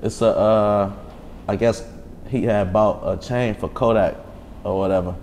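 A man from Chicago hosting his interview show, talking in a relaxed, laid-back way with slang. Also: lowish voice, unhurried. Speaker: interviewer and channel host. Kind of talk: casual interview talk. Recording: echoey room with faint noise.

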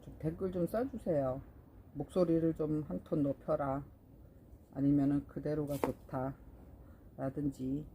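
A woman's voice: deep voice, fairly even intonation, measured pace, long pauses, highs cut off, a little hiss or hum. A middle-aged woman vlogging casually about her succulents, chatting to viewers as she plants in a greenhouse. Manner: chatty, talks to viewers while working. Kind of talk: casual chat while planting.

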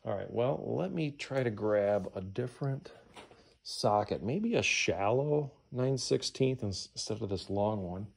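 A little slow yet animated, a middle-aged man talks through rebuilding an engine in his garage, muttering to himself in a casual hands-on how-to. His lowish voice is creaky and slightly rough.

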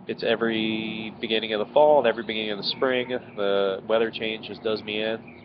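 A man's voice: fairly low pitch, steady tone, fairly quick. A congested man sick with a head cold, chatting casually to camera in a self-deprecating, complaining way as he vlogs outside at home. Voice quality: congested, stuffy-nosed. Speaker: vlogger. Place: outdoors at home in a residential neighborhood. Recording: dull lo-fi, clear outdoor background noise. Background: outdoor neighborhood ambience.

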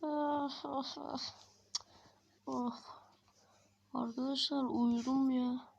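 Slow, slightly high, chatty gamer talking to viewers, faint hiss behind. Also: female voice, steady tone, gravelly, a little mellow, dull audio. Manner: chatty, addresses the viewers constantly. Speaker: gamer narrating own play. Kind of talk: casual game role-play narration.

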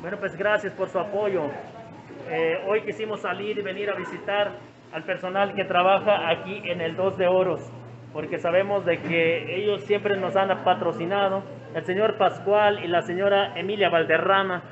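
Filming around an open-air roadside restaurant, a vlogger with a Mexican Spanish accent narrates casually, greets people by name, and repeats himself. His voice sits high with fairly even intonation at a moderate pace, the highs are cut off, and a crowd can be heard behind him.

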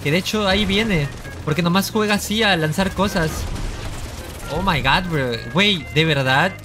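A young man with a slightly high voice commentates his own match in an excited rush, repeating his exclamations and trash-talking the players he fights. Music plays clearly underneath his voice. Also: normal speed. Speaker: gaming YouTuber. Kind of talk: live gameplay commentary. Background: background music.

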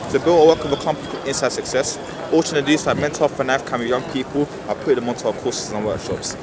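Man, street fundraiser, rapid rehearsed pitch, persuasive, outdoors, heavy street noise. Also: steady tone. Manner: upbeat, smooth, persuasive patter. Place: outdoors on a busy city square. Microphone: camera mic a short distance away. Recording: loud street noise over the voice. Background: loud street bustle.

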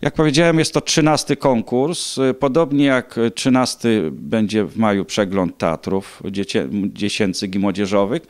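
A middle-aged man giving measured, hesitant interview answers with frequent pauses. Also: lowish voice. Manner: hesitant, measured, pausing often. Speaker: contest organiser being interviewed. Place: indoors, small room. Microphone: handheld reporter microphone.

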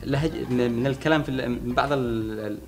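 A young man, answering a friend's questions in relaxed chat, pausing and restarting as he thinks. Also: mid-range voice, a little hiss or hum. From Sanaa region, Yemen. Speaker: conversation partner answering. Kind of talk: casual chat between friends.

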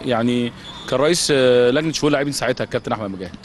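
Fast, heated Egyptian man. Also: medium pitch, a little hiss or hum. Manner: heated, fires rhetorical questions. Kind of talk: studio-style interview answers. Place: outdoor football pitch at night. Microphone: handheld mic.

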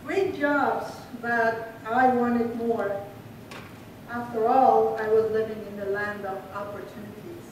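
Middle-aged woman from Afghanistan delivering a slow, measured speech from a podium. Her fairly high voice carries through a very echoey hall, picked up from well back, with a faint rumble underneath. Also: level tone, recorded from a distance. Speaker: guest speaker. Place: large indoor reception hall. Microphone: podium microphone heard from a distance.

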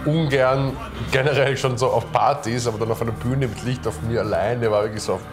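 A man's voice: mid-range voice, steady tone, a little fast. Casual man chatting over music. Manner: colloquial, slangy, self-mocking. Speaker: amateur boxer commenting on footage. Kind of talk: casual joking commentary.

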